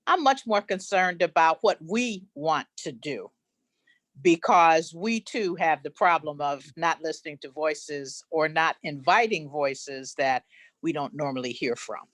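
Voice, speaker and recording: A woman speaking in a measured, self-deprecating way on a video call. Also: low-pitched, fairly bright tone, no room sound. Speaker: foundation representative. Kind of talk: online meeting remarks.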